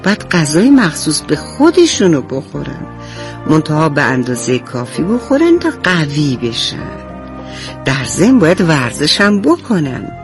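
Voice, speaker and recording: A woman's voice: deep voice, big pitch swings, over music. A woman narrating a bedtime story on the radio for children, talking to them directly and affectionately. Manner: warm, addresses children directly.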